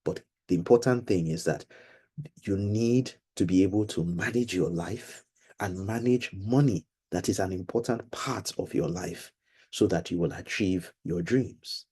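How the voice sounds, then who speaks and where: Middle-aged man, low husky voice, patient teacher for kids on a video call. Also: warm tone. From Nigeria. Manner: patient, explaining slowly to children. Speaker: financial literacy seminar leader. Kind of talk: online seminar for children.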